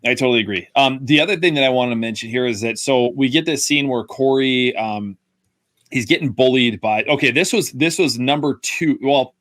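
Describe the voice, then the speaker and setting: A man's voice: mid-range voice, brisk, fairly bright tone, no room sound. A young man co-hosting a casual film review podcast, rambling with many fillers and restarts. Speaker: podcast co-host.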